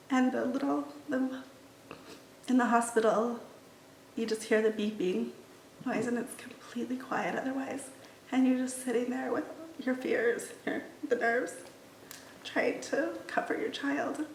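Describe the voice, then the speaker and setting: A middle-aged woman recalls a family moment in an earnest, emotional testimony. Her voice sits a little high with a gravelly edge. She sounds set back from the mic in a roomy space. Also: slight background noise. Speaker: mother. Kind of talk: personal testimony interview. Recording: roomy, slightly distant mic.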